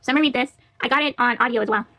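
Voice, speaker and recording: A woman's voice: fairly high pitch, racing, sharp tone. A woman chatting casually about books she borrowed from the library, laughing often and reading back-cover blurbs aloud. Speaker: book vlogger. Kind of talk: casual library haul chat.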